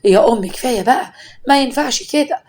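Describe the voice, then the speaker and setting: A woman's voice: sits high, animated, quick pace, darkish tone. A woman with an Egyptian accent voicing a young husband torn between his mother and his wife, pleading and firm.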